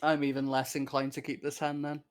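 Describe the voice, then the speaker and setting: A man's voice: a little high, completely flat delivery, fairly quick. Joking man chatting casually while gaming. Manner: joking, rambling. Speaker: streamer co-host.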